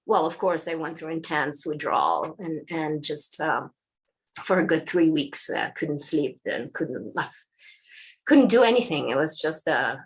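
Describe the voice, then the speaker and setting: A woman from Eastern Europe telling her story frankly as an interview guest, halting, losing her voice and clearing her throat. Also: sits low, lively intonation. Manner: frank, halting, many restarts. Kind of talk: candid personal storytelling.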